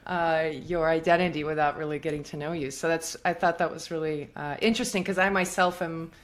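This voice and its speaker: A woman hosting a podcast interview, chatty and animated, who grew up in Africa and Russia. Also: low-pitched, fairly quick. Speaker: podcast host. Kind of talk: scripted intro then casual interview.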